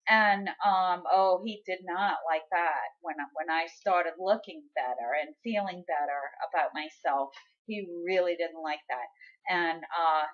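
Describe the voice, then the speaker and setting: A woman talking to camera in a casual vlog, her voice a little on the low side. She speaks frankly and with some exasperation, telling her story plainly. The sound is dull and lo-fi. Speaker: vlogger.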